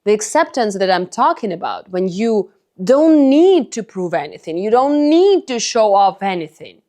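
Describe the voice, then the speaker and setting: A woman's voice: mid-range voice, very animated, normal speed, dark tone. A woman giving a motivational self-help talk, speaking earnestly and directly to the viewer as a coach.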